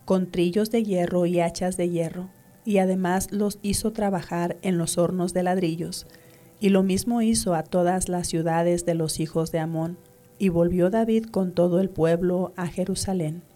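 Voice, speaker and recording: A woman reading scripture aloud in a measured, even way. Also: fairly low pitch. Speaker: scripture reader.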